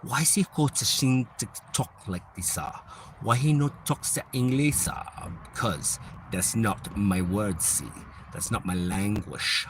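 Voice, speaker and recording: A man's voice: fairly low pitch, slow pace, noisy background. A man on a livestream, talking in a rambling, repetitive spiritual monologue that drifts into whispers now and then.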